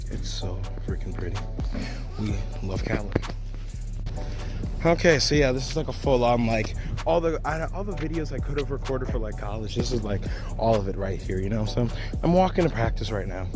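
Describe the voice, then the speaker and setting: A cheerful young man talks into his handheld phone while he walks across campus, rambling in slangy, upbeat asides and sounding slightly winded. His pitch sits in the middle for a man. Music plays clearly behind him. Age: young adult. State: slightly out of breath. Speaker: vlogger. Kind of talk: casual vlog narration. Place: walking outdoors on a college campus.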